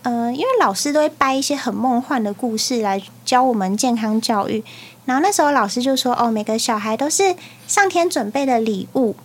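A young woman with a Taiwanese Mandarin accent co-hosts a podcast, chatting casually and frankly as she tells stories. Her voice is fairly high and her pace brisk.

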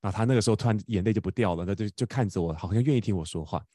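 A podcast host, rattling along at a quick clip and tripping over repeated words. His voice sits fairly low. The sound is dry and close, with no room around it. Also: mellow, no room sound. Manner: fast, stammering restarts, laughs often. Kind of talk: casual storytelling chat.

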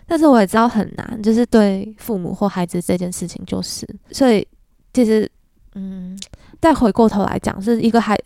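In this clip the Taiwanese-accented podcast host sounds mellow in a mid-range register. She rambles cheerfully through her stories, peppering them with self-mocking laughter. It's an echo-free, studio-quality recording of a casual solo talk.

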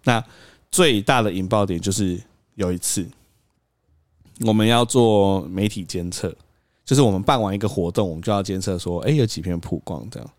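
A man's voice: fairly low pitch, normal speed, pauses often, dry recording. A young man telling a workplace story on a podcast, acting out quotes and laughing often. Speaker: podcast host. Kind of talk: casual storytelling chat.

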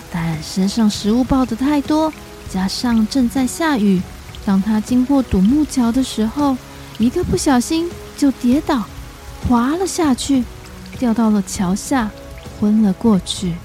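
Female kids' story narrator, high register, mellow tone, speaks as if to a toddler, light music underneath. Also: animated, unhurried. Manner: talks to small children as if reading to a toddler. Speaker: children's storyteller. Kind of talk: narrated children's story and quiz.

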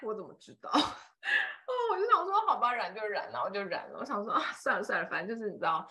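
A woman's voice: medium pitch, big pitch swings, quick pace, pushed and bright. A woman, co-hosting a casual chat and telling a rambling story full of fillers. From Taiwan. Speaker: podcast co-host.

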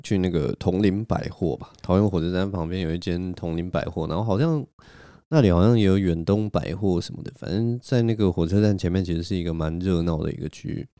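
A man's voice: sits low, a little fast, dark tone, clean tone, no room sound. A man hosting a solo podcast, telling stories in a rambling, self-mocking way on a close mic. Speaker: podcast host. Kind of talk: casual solo storytelling.

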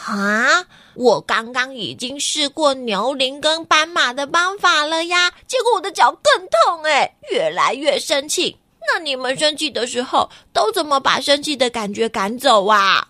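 A woman's voice: high voice, expressive, unhurried, few pauses, pushed and bright, dry recording, full character voice. A woman voicing a hot-tempered young male lion cub who howls, wails and complains in a storybook reading. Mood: complaining. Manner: howling, wailing, complaining.

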